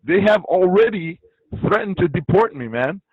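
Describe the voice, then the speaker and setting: A man's voice: sits high, lively intonation, moderate pace, breathy edge, no echo. A man from Iraq, an interview guest, talking bluntly and swearing freely. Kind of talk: casual interview talk. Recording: dull lo-fi dry sound.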